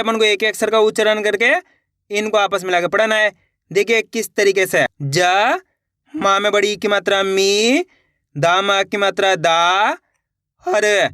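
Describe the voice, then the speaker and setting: Male tutor, unhurried syllable-by-syllable drill, crisp voice, dry close sound. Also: high voice, bright, forceful tone, dry recording. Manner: spells words slowly syllable by syllable, then repeats; addresses viewers as friends, patient and encouraging. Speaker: Hindi reading teacher. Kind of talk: online reading lesson.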